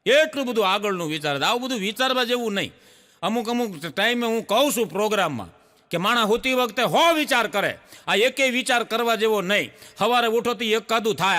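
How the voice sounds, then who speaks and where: A man's voice: high-pitched, sharp tone, big-room sound. A man telling stage jokes in a folksy, storytelling way. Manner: folksy storytelling, frequent "he says" asides. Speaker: stand-up comedian. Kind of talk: stand-up joke telling. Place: stage program.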